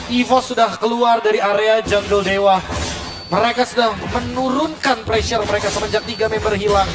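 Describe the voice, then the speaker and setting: A man with an Indonesian accent giving explanatory, analytical esports commentary peppered with English gaming terms. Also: high-pitched. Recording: loud music behind voice.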